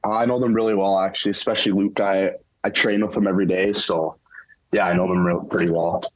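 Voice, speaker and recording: Young man, very low voice, casual halting answers, dull lo-fi sound. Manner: relaxed, halting, lots of fillers. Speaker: interview guest, hockey player.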